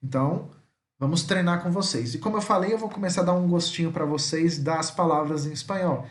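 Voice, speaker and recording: A Brazilian man teaching a slide-based lesson, patiently repeating each word slowly and checking in with his listeners. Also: a little high, echoey room. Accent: Brazilian Portuguese.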